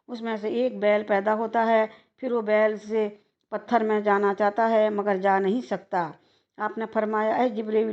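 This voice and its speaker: A woman narrating a devotional religious story in a steady recited manner. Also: mid-range voice. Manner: steady recitation with occasional restarts. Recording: dull lo-fi recording.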